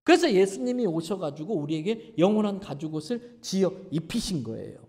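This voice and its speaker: A man's voice: sits high, very animated, a little fast, a little mellow, husky. A man preaching a revival sermon and telling a story, acting out the voices of a father and son. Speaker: pastor. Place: church sanctuary. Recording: church sanctuary with long reverb.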